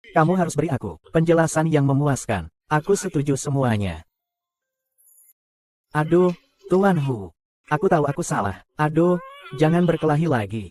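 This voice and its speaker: A man narrates a film recap and voices every character himself. His voice sits a little high. He reads all the lines in the same even way.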